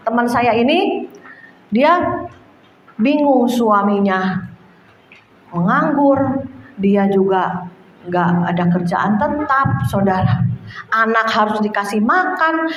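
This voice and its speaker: Female preacher, high voice, animated exhorting delivery; reverberant room. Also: slight background noise. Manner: animated, exhorting, addresses listeners as "saudara". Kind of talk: sermon.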